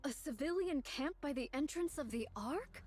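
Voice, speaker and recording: A woman's voice: sits high, expressive, moderate pace, darkish tone. A woman voicing a formal, archaic-speaking game character with a theatrical manner. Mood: musing. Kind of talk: video game voice acting.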